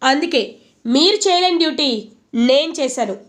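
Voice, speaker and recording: A woman reading the lines of an angry young man demanding answers, in a high, shouting tone. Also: normal speed, lightly acted. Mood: defiant.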